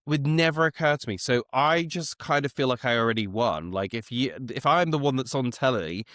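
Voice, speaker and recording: A man's voice: medium pitch, expressive, brisk, fairly bright tone, dry recording, studio quality. A man hosting a casual podcast chat, talking in an informal, self-deprecating, unbothered way. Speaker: host and media commentator.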